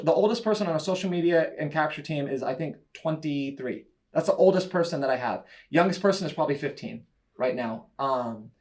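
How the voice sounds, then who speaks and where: A man giving an enthusiastic, chatty breakout talk at a church conference, with quick asides and laughs. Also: a little high. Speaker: church media leader speaking at a conference breakout. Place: church breakout session room.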